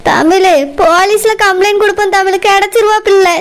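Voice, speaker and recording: This is a kind elder sister from a village cartoon voiced by a woman, speaking with a Kanyakumari Tamil accent. She comforts her crying sibling in a soft, reassuring tone. Her pitch is very high and squeaky. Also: steady tone, a little fast. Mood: soothing. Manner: soothing, reassuring. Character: gentle elder sister consoling a grieving mother. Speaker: cartoon character. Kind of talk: animated cartoon voice acting.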